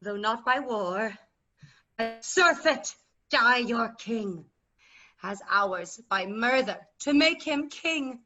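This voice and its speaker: A woman's voice: a little high, animated, pushed and bright, full character voice. A woman playing a bitter, deposed old queen in classical verse, declaiming with scorn over a video call. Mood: venomous cursing. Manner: declamatory, scornful, slow and deliberate. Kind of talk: classical verse stage acting. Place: remote video-call staged reading. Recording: dull video-call audio.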